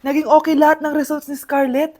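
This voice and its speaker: Soft-spoken woman in comedy skits. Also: sits high, level tone, brisk. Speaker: comedy sketch performer.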